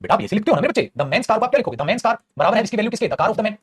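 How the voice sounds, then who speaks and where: Quick, playful grammar teacher. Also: male voice, high voice, breathy edge, no echo, studio quality. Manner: lively, playful, addresses students as beta and guruji, acts out student voices. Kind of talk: online grammar lesson.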